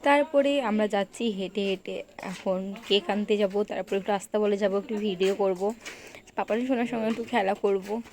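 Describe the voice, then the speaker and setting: A woman, narrating her family vlog in a loud, chatty, animated voice-over. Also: mid-range voice, moderate pace. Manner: chatty and animated, talks loudly. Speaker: vlogger and mother.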